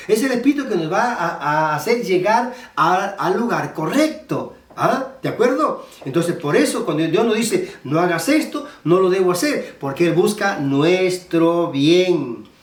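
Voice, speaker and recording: Male preacher, chatty sermon w lots of restarts, church echo, mic a bit far off. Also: high-pitched. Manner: conversational preaching with many restarts and fillers. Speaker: pastor. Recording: echoey church hall, mic at a distance.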